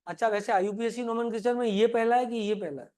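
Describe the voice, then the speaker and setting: A man's voice: very high voice, fast talker, a little mellow. A man teaching a live chemistry class, chatty and playfully scolding his students as he works through problems. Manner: calls students "beta".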